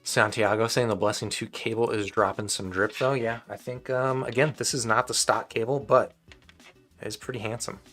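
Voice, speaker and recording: Faint music sits behind a man on a live stream who takes viewer questions about audio gear. His voice is lowish, steady and a bit bright at a normal pace, and it gets drier and more tired as he rambles in a conversational way, restarting frequently.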